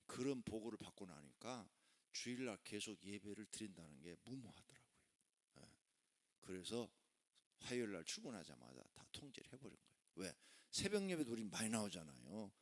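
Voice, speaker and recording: Lively man preaching with sweeping pitch. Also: moderate pace. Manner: emphatic preaching with frequent rhetorical questions to the congregation; conversational asides mixed with proclamation. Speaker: pastor. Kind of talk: sermon at a Friday worship service.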